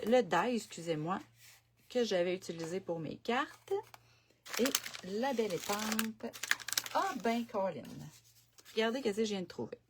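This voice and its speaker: Quebec French woman, relaxed live crafting host, slow chatty delivery, camera sitting on her desk. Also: medium pitch, background noise. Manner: chatty, thinks aloud while working, many fillers. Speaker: craft demonstrator on a live stream. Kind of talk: casual live craft demo. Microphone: camera set on the desk.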